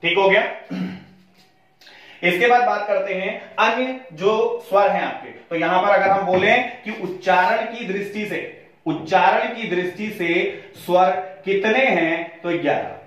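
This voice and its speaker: Echoey, distant man teaching a slow lesson. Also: high voice, a bit bright. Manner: asks questions and answers them himself; repeats phrases slowly for emphasis. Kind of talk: classroom lesson.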